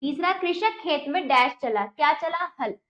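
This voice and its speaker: A woman teacher reading a children's textbook lesson aloud with slow, deliberate diction and quizzing the children with questions. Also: sits high, expressive, a bit bright. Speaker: primary school Hindi teacher. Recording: roomy, dull lo-fi sound.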